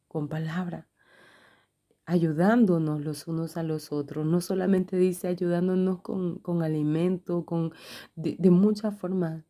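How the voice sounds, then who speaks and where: A woman's voice: fairly low pitch, warm tone. A middle-aged woman giving an earnest personal religious testimony, repeating phrases for emphasis. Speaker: religious video creator.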